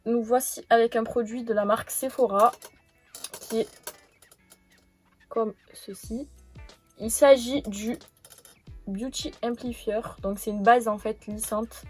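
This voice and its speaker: A woman's voice: mid-range voice, a little mellow, husky. A young woman presenting beauty products in a casual haul video, rambling with many fillers and restarts. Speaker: beauty vlogger.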